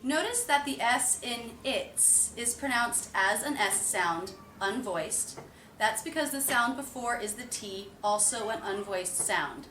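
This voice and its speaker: A woman's voice: a little high, expressive, measured pace, sharp tone. A woman pronunciation teacher narrating a recorded lesson, drilling sounds by repeating them. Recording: roomy and distant with faint noise.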